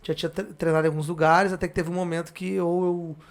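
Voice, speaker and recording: A man with a southern Brazilian accent from Porto Alegre, chatting as a podcast guest, often pausing to rephrase himself. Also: a little high, flat delivery. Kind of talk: casual chat.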